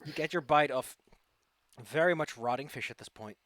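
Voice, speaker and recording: A man's voice: mid-range voice, normal speed, a crowd in the background. A man narrating casually as game master of a tabletop game, with a playful, teasing manner.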